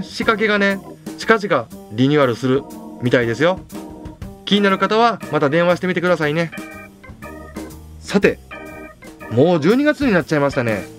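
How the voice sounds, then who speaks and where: Young guy w/ tosa accent doing radio, bouncy pitch, faint music behind. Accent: Tosa dialect of Kochi. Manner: chatty, amused. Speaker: radio host. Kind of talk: casual radio talk.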